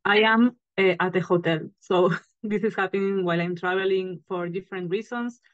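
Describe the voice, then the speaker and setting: A woman's voice: medium pitch, steady tone, normal speed, dry recording. Woman, frank panelist, lo-fi cell phone call, dull muffled sound, very dry close audio. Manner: frank and outspoken. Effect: lo-fi cell phone call over a shaky connection. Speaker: panelist, founder of a data organization. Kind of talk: online panel discussion. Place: hotel room. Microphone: cell phone on a video call.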